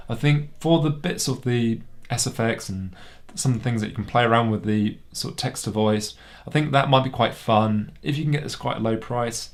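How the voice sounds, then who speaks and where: A man with a British accent giving a casual, sceptical toy review at home. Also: mid-range voice. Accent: British English. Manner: sceptical, wry and conversational.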